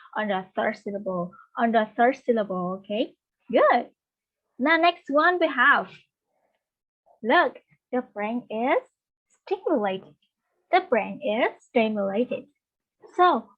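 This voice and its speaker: A woman's voice: a little high, narrow, tinny audio. A woman with a Vietnamese accent teaching English vocabulary, repeating words and checking in with "ok?".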